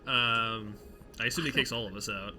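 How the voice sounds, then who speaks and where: A man's voice: medium pitch, steady tone, normal speed, sharp tone, a little hiss or hum. A young man playing a tabletop game, talking brashly and joking. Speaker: player.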